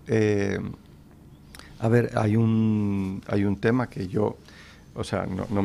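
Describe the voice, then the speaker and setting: A man's voice: on the low side, gravelly, a little mellow, a little hiss or hum. A man with a Cuban accent, a guest in a radio interview, speaking with many hesitations and restarts. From Cuba.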